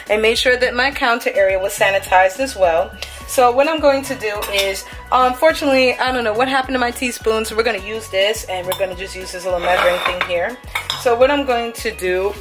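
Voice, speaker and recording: A woman filming a casual cook-along in her home kitchen, chatty and upbeat as she talks through each step. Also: on the high side. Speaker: cooking vlogger.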